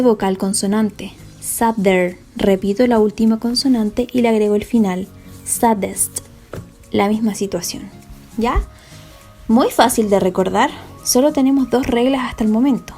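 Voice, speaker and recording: Patient, mellow-voiced woman teaching. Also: mid-range voice. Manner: patient, step-by-step explaining, checks understanding. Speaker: English teacher. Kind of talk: recorded classroom lesson.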